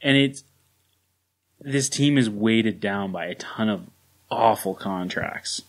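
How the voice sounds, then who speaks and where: A man's voice: fairly low pitch, slow. A man co-hosting a casual sports podcast, blunt and sarcastic, laughing often. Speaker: podcast co-host.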